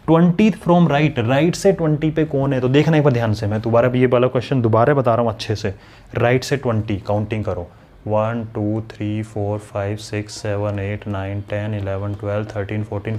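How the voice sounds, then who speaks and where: A maths and reasoning teacher leads an online exam-prep lesson in a medium-pitched, slightly mellow voice. He explains things step by step and often checks whether his students are following.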